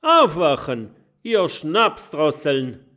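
A man voicing a cheeky, bold little dragon in a children's audiobook, shouting loud teasing taunts. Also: sits high, lively intonation, slow, pitched above the performer's own voice.

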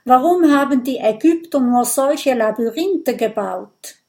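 An impatient young girl porcupine from a children's storybook, voiced by a woman. She grumbles and complains in a high, loud voice. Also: expressive, measured pace. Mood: exasperated. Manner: complaining, exasperated.

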